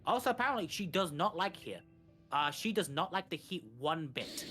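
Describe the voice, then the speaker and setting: A man's high, animated voice explains a speedrun live at a moderate pace, frequently repeating and rephrasing as he plays. Game music runs underneath his commentary.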